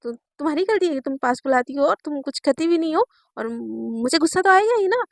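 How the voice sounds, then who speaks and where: A woman's voice: high voice, lively intonation, fairly quick, vocal fry, no room sound, studio quality. A woman voicing a bossy, sulking young wife who answers in curt, dismissive snaps. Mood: cold, scolding.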